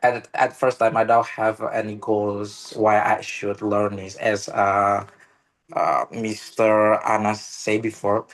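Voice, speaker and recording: An Indonesian man whose first language is an Indonesian local language speaks slowly and haltingly, with many "uh" pauses and restarts. His pitch is fairly low and barely moves. He's a participant in a casual online discussion, heard through a video call microphone.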